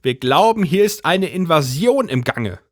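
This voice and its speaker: A man's voice: fairly high pitch, big pitch swings, measured pace, no room sound, clean studio sound, voice pushed up. A man voicing a suspicious, bossy middle-aged housewife who talks in an indignant, conspiratorial way. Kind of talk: storybook reading.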